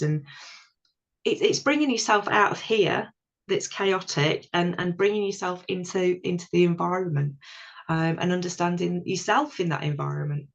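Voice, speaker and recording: A woman's voice: on the low side, creaky. A woman from England, a podcast guest, talking thoughtfully and earnestly, often restarting her sentences. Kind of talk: casual chat. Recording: dull lo-fi sound.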